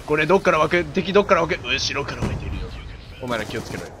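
Loud, theatrical male gaming commentator. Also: on the high side, big pitch swings, racing, noisy background. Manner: loud, theatrical, bossy mock-commander banter; frequent shouting and rough slang. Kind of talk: game commentary.

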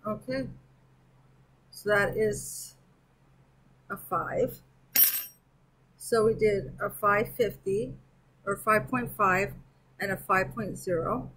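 A woman's voice: medium pitch, takes it slowly, pauses often, a bit bright, slight background noise, rough recording. A woman hosting her own crochet channel, chatting casually through a yarn review and thinking aloud as she stitches and counts at home. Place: at home with an air conditioner running.

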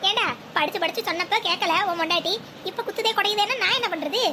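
A woman's voice: very high voice, quick pace, background noise. A woman voicing a spiteful, scheming old grandmother in a cartoon, scornful and scolding.

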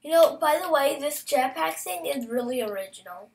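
A woman giving casual, excitable commentary while playing a game, swinging between sudden outbursts and soft asides, with hiccups. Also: high voice, normal speed, distant mic. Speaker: gamer.

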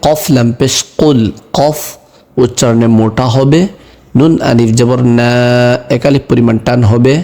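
A man teaching Quran reading in a slow lesson, spelling each word letter by letter and then chanting it. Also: medium pitch, steady tone, dark tone. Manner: spells words letter by letter, then recites them in a drawn-out chant. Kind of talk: slow step-by-step recitation lesson.

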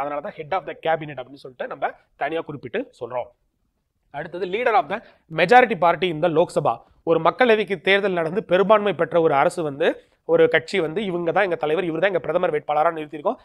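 A man teaching a recorded exam-prep lesson over slides. He often checks in with "okay?" and reads English terms out slowly. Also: a little high, fairly bright tone. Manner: tags lines with a checking "okay?", mixes English terms into his explanations.

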